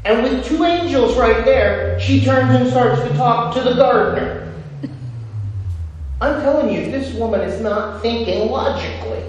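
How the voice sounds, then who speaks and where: High-voiced man preaching in an echoey hall. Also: a little slow, recorded from a distance, highs cut off, slight background noise. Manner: swings from loud and excited to very quiet and intimate. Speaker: pastor. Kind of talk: sermon.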